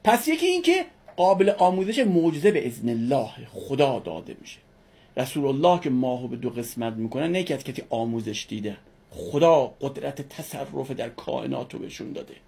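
A woman's voice: rumbling low, big pitch swings, warm tone, husky. A woman teaching a religion class who asks her students questions and answers them herself, repeating key words for emphasis.

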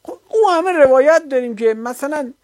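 A man's voice: extremely high pitch, expressive, darkish tone, no echo. A man giving a religious lecture, arguing his case and rebutting an opponent with mounting insistence. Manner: argumentative, rising to heated rebuttal.

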